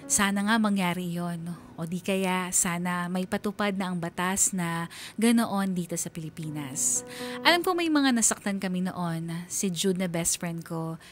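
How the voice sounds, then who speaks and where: Over background music, a woman with a lowish voice reads a listener's letter on the radio, an unhurried first-person love story. Her style is emotive, confessional and dramatic.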